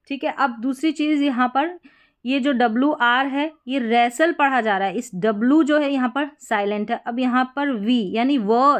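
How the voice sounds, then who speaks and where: A woman's voice: a little high, smooth. A woman teaching English spelling rules, patient and explaining step by step with many examples. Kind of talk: spoken spelling lesson.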